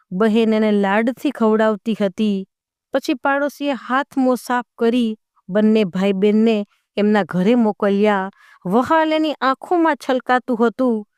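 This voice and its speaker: A woman telling a moral story in a gentle, heartfelt manner. Her voice is smooth and clear, pitched a little high, and recorded close with no room echo.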